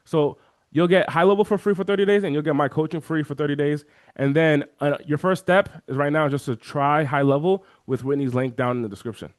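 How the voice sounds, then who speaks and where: A man talking as an interview guest, walking through software on a shared screen and acting out the voices of chat viewers. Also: on the high side, a little fast, no echo, clean studio sound. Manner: animated, acts out quoted chat voices. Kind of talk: energetic screen-share walkthrough.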